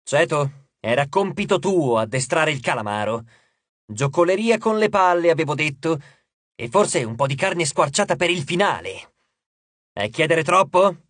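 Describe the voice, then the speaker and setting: A man voicing a pompous, grumpy male sea god who talks like a booming showman announcer, slow and loud. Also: big pitch swings, dry recording. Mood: grumbling.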